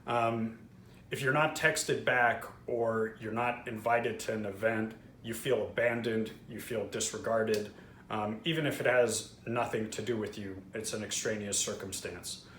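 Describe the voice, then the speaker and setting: Somewhat slow and fairly even in intonation, this Israeli host of a trauma-healing channel speaks in a lowish, slightly bright voice. His candid explanation to camera is earnest, full of fillers and restarts, set in a roomy echo with faint background noise.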